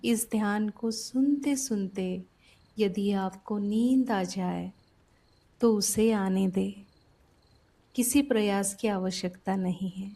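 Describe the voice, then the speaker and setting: Speaking at medium pitch, a woman quietly guides a sleep meditation; her delivery is calm and leisurely, with pauses between short phrases.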